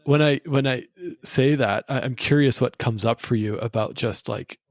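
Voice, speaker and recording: Gravelly-voiced earnest male host. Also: medium pitch, normal speed, dry recording. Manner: earnest, stumbling restarts. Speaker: podcast host. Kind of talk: interview conversation.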